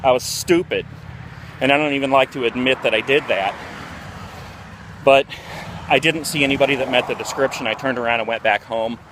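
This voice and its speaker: A man's voice: mid-range voice, brisk, pauses often, background noise. A man, telling candid stories in a casual vlog while walking outdoors. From Ohio, USA. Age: 40s. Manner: candid, rambling, with many fillers. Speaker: vlogger. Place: outdoors, walking through a neighborhood near a park.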